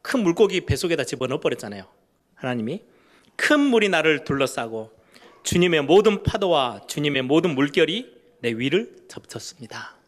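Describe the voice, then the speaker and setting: Middle-aged pastor guy preaching, kinda high voice, acts out the questions all worked up. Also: big pitch swings, moderate pace. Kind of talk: sermon.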